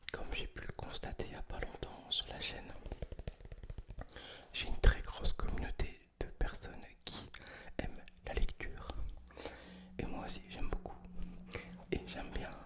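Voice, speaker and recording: A person speaking entirely in a breathy whisper, close to the mic, presenting books in a casual, informal ASMR style. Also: takes it slowly, long pauses. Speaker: ASMR video host. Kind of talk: whispered ASMR book review, casual chat.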